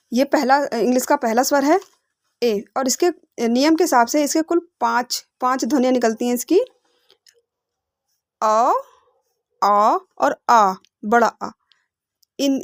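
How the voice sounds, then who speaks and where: A woman teaching English phonics, explaining patiently, repeating words slowly and asking rhetorical questions. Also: high voice, no room sound, clean studio sound. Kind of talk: explanatory lesson.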